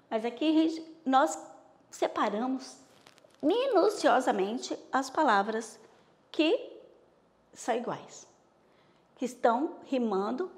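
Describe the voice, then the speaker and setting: Slow, patient Bahian woman teacher. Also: sits high, darkish tone, long reverb tail. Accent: Bahian Brazilian Portuguese. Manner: slow, patient, with frequent check-ins. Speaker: primary school teacher. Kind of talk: recorded remote lesson.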